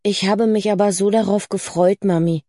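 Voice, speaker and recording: A woman's voice: medium pitch, steady tone, moderate pace, mellow, dry recording, clean studio sound, lightly acted. A woman voicing a disappointed young girl pleading with her mother in an audiobook reading.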